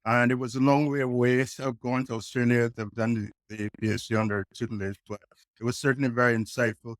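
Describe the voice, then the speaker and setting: A man from Barbados, a consultant, speaking as a podcast guest in a measured, thoughtful way. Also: mid-range voice, little pitch movement, dry recording. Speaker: air transport consultant.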